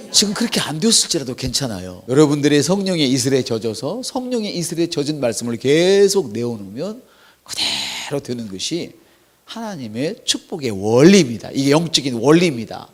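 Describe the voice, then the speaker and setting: Animated Korean pastor preaching, man. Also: medium pitch. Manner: animated preaching with acted quotes. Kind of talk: sermon.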